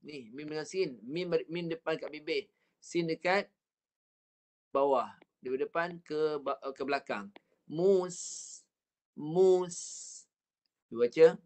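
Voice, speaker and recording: Malaysian man, Quran teacher, fairly high voice, very slow patient drilling, long drawn-out demo recitation. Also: darkish tone. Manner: stretches out Arabic sounds when demonstrating. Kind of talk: online Quran reading lesson.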